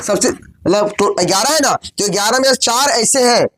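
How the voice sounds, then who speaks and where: A man teaching a coaching class, firing questions at his students, answering them himself and repeating phrases slowly while dictating. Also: very high voice, over a noisy crowd. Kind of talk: classroom lesson with call-and-response.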